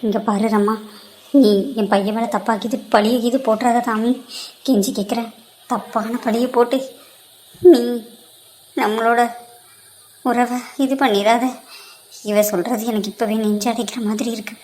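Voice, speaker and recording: A middle-aged cartoon aunt, voiced by a woman, slightly high and earnest. She pleads for calm while stubbornly standing by her son, insistent and emotional. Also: measured pace, pauses often. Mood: pleading.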